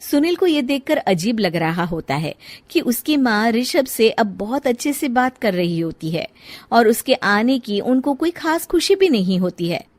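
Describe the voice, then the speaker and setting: A woman storyteller narrates a scripted family tale. Her voice is on the high side and very lively in pitch, recorded dry and close. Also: a little slow, no room sound.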